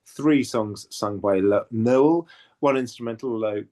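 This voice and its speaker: A man's voice: medium pitch, measured pace, dark tone. A man hosting a casual podcast chat, hesitant, with lots of ums and self-corrections. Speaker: podcast host.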